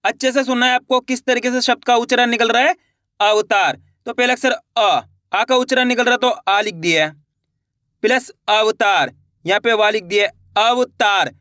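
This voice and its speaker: A man's voice: very high voice, moderate pace, sharp tone, dry recording, clean studio sound. A young man teaching children to write Hindi words, sounding each word out syllable by syllable and asking the class to repeat it back. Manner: repetitive call-and-response drilling, sounding words out syllable by syllable. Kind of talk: children's spelling lesson.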